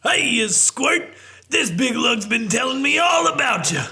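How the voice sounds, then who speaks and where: A big rowdy brute in a comic audio drama, with a dopey cartoon bellow. The voice is harsh, very bright and pushed high, over faint noise. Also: big pitch swings, a little slow, full character voice. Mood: boisterous. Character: big bearded hulking lug, rowdy teddy-bear brute Moose.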